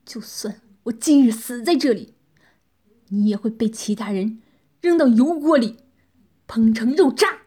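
A woman voicing a hot-tempered captive young man who shouts curses and later pleads, out of breath. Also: a little high, measured pace, long pauses, slightly rough. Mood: snarling.

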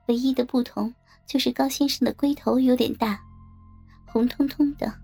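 Brief: high, husky female narrator for an erotic audio story, warm and creaky, faint music behind. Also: steady tone. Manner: slow, soft, intimate storytelling.

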